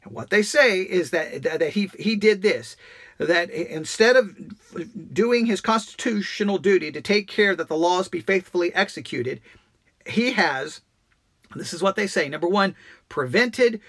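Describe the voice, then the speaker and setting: A man's voice: high voice, expressive, moderate pace, fairly bright tone. A man hosting a live political commentary broadcast, earnest and often restarting his phrases.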